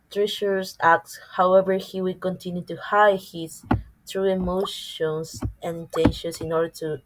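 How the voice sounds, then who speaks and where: A woman takes her turn in a class presentation. She reads haltingly, with small fillers, in a fairly low voice. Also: low-quality recording. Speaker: student presenter.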